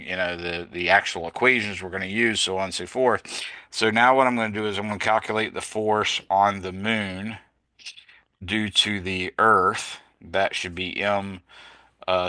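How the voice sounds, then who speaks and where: A tired man teaching physics, working through gravity problems aloud step by step, reading numbers slowly and correcting himself as he goes. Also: on the low side, bright, forceful tone, clear, resonant tone, no room sound. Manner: slow, methodical, reads out numbers step by step, self-correcting. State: tired, yawning.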